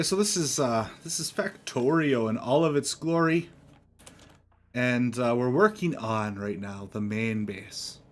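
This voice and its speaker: A man doing casual live gameplay commentary, thinking aloud and chatting to viewers as a streamer. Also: mid-range voice. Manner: thinking aloud, often chuckling. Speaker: game streamer.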